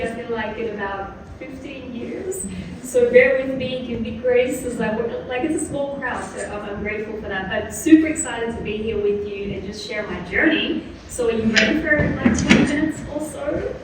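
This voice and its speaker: Heard from afar through a distant mic in a very echoey lecture hall with background noise, this Australian-accented woman delivers an enthusiastic, chatty keynote full of fillers to a small audience. Her voice is on the high side, at a normal speed.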